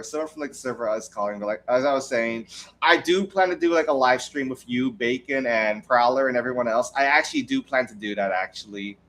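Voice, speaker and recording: A young American streamer talks casually on a livestream in a rambling way, with lots of restarts and frequent laughs. His voice is mid-range with a sharp tone.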